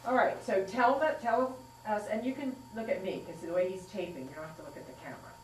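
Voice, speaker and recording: A woman's voice: medium pitch, fast. A woman interviewing an elderly local, prompting her with encouraging follow-up questions. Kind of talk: oral history interview. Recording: echoey room, distant mic, faint hum.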